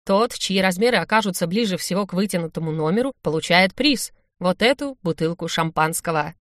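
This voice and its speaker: A woman's voice: on the low side, animated, fairly quick, a bit bright, no echo, clean studio sound. A woman doing a showy young male party host. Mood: announcing. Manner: showman-like announcing.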